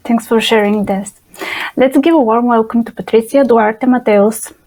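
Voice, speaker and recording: A woman hosts a conference stream, reading formal introductions in a measured way. Her voice is a touch high and warm, with a soft, mellow tone. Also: fairly even intonation, rough recording. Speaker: conference host. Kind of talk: event moderation.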